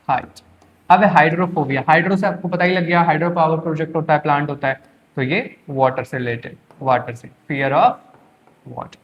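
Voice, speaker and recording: A man's voice: fairly high pitch, lo-fi sound. A man teaching English for an exam, quizzing students with repeated questions. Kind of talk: exam-prep lecture.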